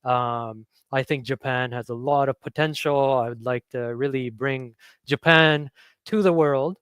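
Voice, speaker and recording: A man's voice: mid-range voice, fairly even intonation, measured pace, fairly bright tone, clean tone, no room sound. A man co-hosting a casual livestream chat, speaking earnestly and hedging with fillers. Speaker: podcast co-host.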